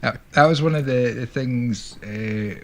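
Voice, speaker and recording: A man's voice: medium pitch, unhurried, a little hiss or hum. A man hosting a music stream, chatting casually and rambling a little with restarts. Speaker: stream host. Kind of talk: casual chat.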